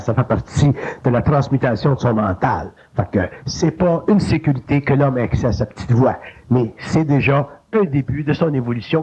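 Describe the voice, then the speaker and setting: Teaching informally with a Quebec accent, this man is colloquial and energetic, and his pitch shoots up when he mimics an inner voice. He sounds husky, a little veiled, and lacking brightness. Taken from an old digitized cassette, the audio is muffled and lo-fi.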